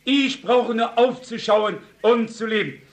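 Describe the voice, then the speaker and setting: A man's voice: very high-pitched, a little slow. A man preaching a sermon, telling stories with quoted dialogue and fervently urging his congregation. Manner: fervent, repeated exhortations to the congregation.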